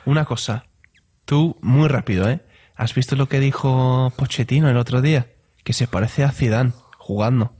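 A man's voice: mid-range voice, moderate pace, warm tone, husky. A man co-hosting a casual football podcast in a playful way, often slipping English words into his talk. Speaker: podcast co-host.

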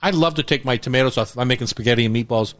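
A man's voice: medium pitch, racing, a bit bright. A man hosting a casual radio cooking show, teasing and easygoing with his guest chef. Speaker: radio host.

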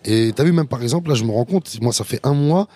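A man's voice: mid-range voice, animated, quick pace, mellow. A man, a rapper, chatting loosely in an interview, with street slang and frequent restarts. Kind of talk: casual interview chat.

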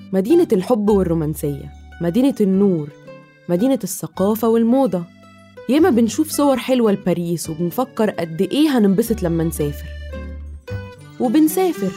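A woman's voice: medium pitch, mellow. A woman with an Egyptian Arabic accent, presenting and interviewing as a podcast host. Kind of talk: scripted podcast introduction and interview.

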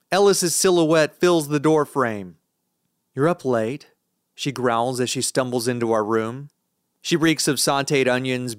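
A man's voice: mid-range voice, clean tone, dry recording, studio quality. A man reading a first-person novel aloud in a wry, sardonic tone. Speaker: audiobook narrator. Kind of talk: first-person scripted narration.

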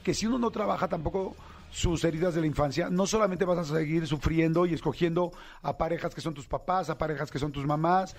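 Podcast host, man, rapid-fire chatty delivery, fairly high voice. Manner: fast, animated, self-correcting. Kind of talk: casual interview chat.

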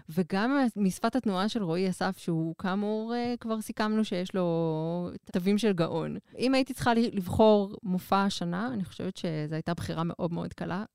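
Woman on a podcast, super clear smooth voice, dry sound, chatty with lots of ums. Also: on the low side, a little mellow, no echo. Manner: chatty, many filler pauses. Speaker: podcast co-host, culture reviewer. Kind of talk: casual chat.

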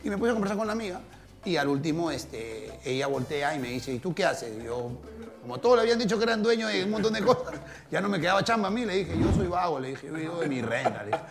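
A man's voice: a little high, fast talker, music in the background. Laughing Peruvian man telling stories. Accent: Peruvian Spanish, Callao. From Peru. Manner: laughing, animated storyteller, plays out quoted dialogue. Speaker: interview guest. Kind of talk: casual storytelling interview.

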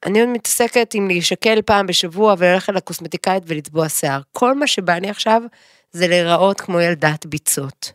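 A woman's voice: lowish voice, dry recording, studio quality. A woman in her thirties co-hosting a casual podcast chat, dramatic and self-mocking in her complaints. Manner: bursts into loud sung snippets. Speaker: podcast co-host.

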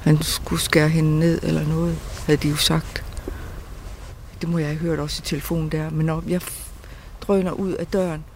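A man recounting a painful memory in a halting way, often repeating words and restarting sentences. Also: fairly high pitch, flat delivery, a little mellow, a little hiss or hum. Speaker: interviewee. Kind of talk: personal testimony.

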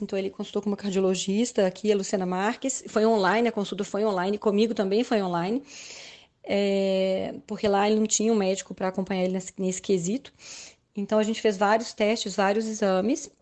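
A woman doctor, explaining her work in a measured way with frequent fillers. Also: medium pitch, a little mellow. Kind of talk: explaining to an interviewer.

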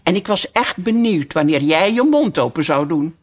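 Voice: mid-range voice, expressive, normal speed, natural voice. A storyteller voicing a prim, condescending female rose who speaks sternly and patronizingly.

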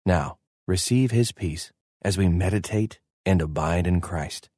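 Man, low pitch, dry studio sound, scripted podcast intro, host reading sponsor copy. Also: a little slow, a little mellow, no echo.

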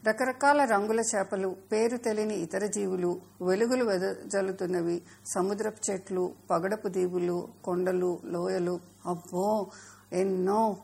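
A woman narrating a children's story in a measured, expressive way. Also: medium pitch, vocal fry, husky.

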